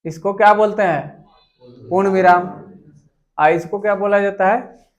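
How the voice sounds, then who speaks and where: Slow, high-voiced teacher. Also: male voice, steady tone, lo-fi sound. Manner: unhurried, repeats each question aloud. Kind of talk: exam question walkthrough.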